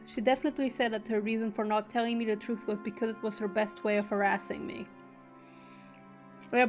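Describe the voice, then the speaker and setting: Female streamer, slightly high voice, reads game text aloud and drops quick jokey asides. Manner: reads narration steadily, breaks off into joking asides. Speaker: streamer reading a visual novel aloud. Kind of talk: reading aloud with casual asides.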